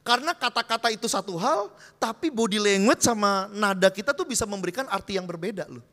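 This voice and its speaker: A man preaching a sermon in a lively way, full of wordplay and acted-out examples, recorded in an echoey church hall. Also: high voice, fast.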